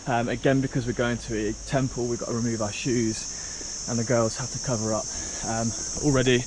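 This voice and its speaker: A man's voice: mid-range voice, flat delivery, a little fast. A man narrating his travel vlog outdoors in a chatty, rambling way, full of ums, into a handheld camera. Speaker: travel vlogger. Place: outdoors on a rock trail. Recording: outdoor noise with insects and crickets.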